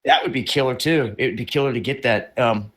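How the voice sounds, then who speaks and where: A man's voice: medium pitch, a little fast, a bit bright. A man hosting a live stream, talking in a rambling, opinionated way about world news and drones, swearing casually. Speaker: livestream host.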